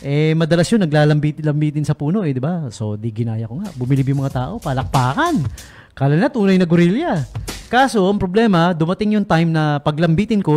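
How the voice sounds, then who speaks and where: A man's voice: fairly high pitch, darkish tone. A man from the Philippines hosting a late-night radio show, telling a comic story as a playful storyteller who often breaks into chuckles. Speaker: radio DJ host. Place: radio studio.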